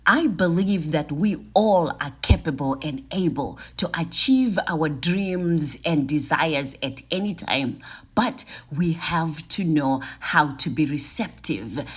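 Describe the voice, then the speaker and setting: A woman with a low, husky voice hosts an upbeat podcast interview show, speaking directly to her listeners in a chatty, enthusiastic way. She is both the show's host and a conference organiser.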